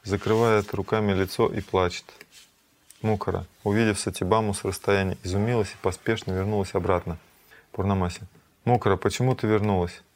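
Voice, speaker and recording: A man calmly reading a devotional drama aloud, naming each speaker and adding short asides. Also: low-pitched, brisk. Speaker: reader.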